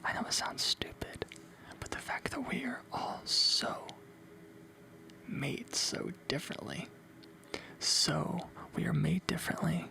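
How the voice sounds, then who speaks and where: An ASMR host whispers encouragement in a breathy, unvoiced voice, repeating motivational phrases over and over. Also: medium pitch, bright, forceful tone, poor audio.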